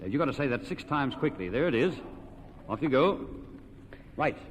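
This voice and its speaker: An animated man with a mid-range voice, speaking at a moderate pace, hosts an old-time radio quiz. Jovial and teasing, he tends to repeat answers back to the contestants. It's a dull, noisy old radio recording with hall reverb.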